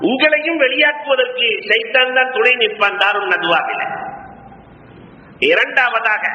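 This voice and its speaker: A man's voice: very high-pitched, sharp tone. A man preaching a sermon, repeating words for emphasis and calling his listeners beloved. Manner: repetitive orator, addresses listeners as beloved. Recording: echoey hall, dull lo-fi sound.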